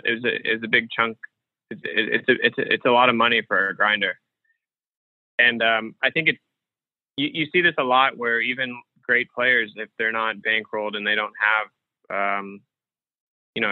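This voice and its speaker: A man talks loosely as an interview guest, pausing and restarting his sentences often. His voice comes through a narrow, phone-like line with no room echo. The sound is thin and close. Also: lowish voice. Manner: thinks aloud with frequent fillers and restarts. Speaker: guest, professional poker player. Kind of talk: casual interview conversation. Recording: dry, phone-like remote call audio.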